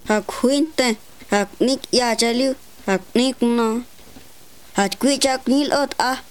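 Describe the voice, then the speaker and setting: A woman's voice: on the high side, fairly even intonation, slow pace, clean tone. A woman giving a religious talk and prayer in repetitive, chant-like phrases.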